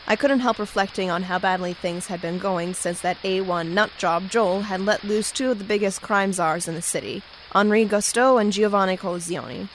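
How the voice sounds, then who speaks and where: A woman playing a wry, weary film-noir detective who narrates in a deadpan voice. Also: on the low side, slight background noise, close to an everyday voice, poor audio.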